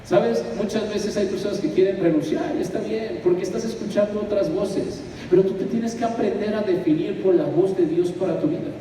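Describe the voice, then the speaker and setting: A man preaching a sermon, lively and conversational, full of rhetorical questions. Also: sits high, fairly quick, few pauses, a little hiss or hum. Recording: echoey hall from far off.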